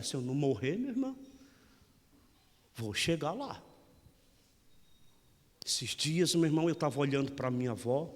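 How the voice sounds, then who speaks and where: A man's voice: mid-range voice, long reverb tail. A man in his forties with a Brazilian Portuguese accent, a parish priest giving a folksy, teasing homily. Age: 40s. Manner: folksy, teasing, keeps saying "meu irmão". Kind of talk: lively humorous homily.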